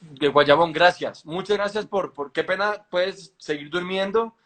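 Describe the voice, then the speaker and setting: Male host, somewhat high-pitched, informal and halting, chatting with a guest. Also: a bit bright. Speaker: interviewer and host. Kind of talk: casual live chat interview.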